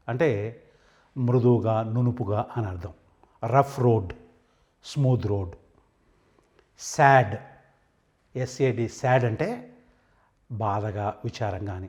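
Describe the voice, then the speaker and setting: A man teaching English vocabulary, slowly saying each word and then explaining what it means. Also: medium pitch, a little mellow. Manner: slow, deliberate, repeats and stresses each English word before explaining it. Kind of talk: vocabulary lesson.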